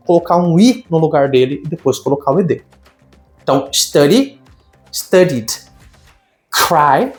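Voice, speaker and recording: A man teaching an English grammar lesson in an explanatory, lively way, asking himself questions and answering them. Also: high voice. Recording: echoey room with faint music.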